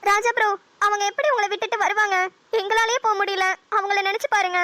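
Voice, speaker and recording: This is a loyal young best friend in a cartoon, brisk and firm. She speaks with a Namakkal Tamil accent in a very high voice. The recording is dry and close. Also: steady tone, sharp tone, no echo. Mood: urgent. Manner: quick, firm, encouraging.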